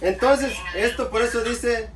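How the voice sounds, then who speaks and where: A man's voice: very high-pitched, measured pace. A man preaching a sermon, calling his listeners brothers and answering himself with amen. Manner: addresses listeners as brothers, calls out amen often. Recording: echoey room, mic far off, faint background noise.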